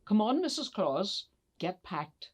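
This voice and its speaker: A woman voicing a fed-up but kindly old male Santa, speaking emphatically with drawn-out words in a children's story. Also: mid-range voice, very animated, slightly rough, full character voice. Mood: fed up, resolute.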